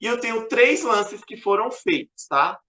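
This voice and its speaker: Brief: man, chess teacher, crisp bright tone, echoey room, patient and repetitive. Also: high-pitched, animated, a little slow. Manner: patient, repetitive, keeps pointing things out. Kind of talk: explaining a lesson over a board.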